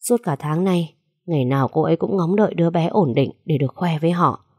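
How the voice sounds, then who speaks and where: A woman voicing a tired young doctor who explains bad news calmly in a told story. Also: slightly rough, no echo, clean studio sound. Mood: grave. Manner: low, measured. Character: tired young doctor husband, grave and calm.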